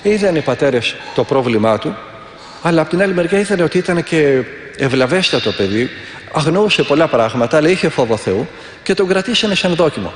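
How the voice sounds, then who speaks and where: An Orthodox monk, his voice on the high side with lively intonation, preaches a sermon built around stories. He speaks earnestly and vividly and repeats prayers. Slight background noise sits under the echo of a reverberant hall.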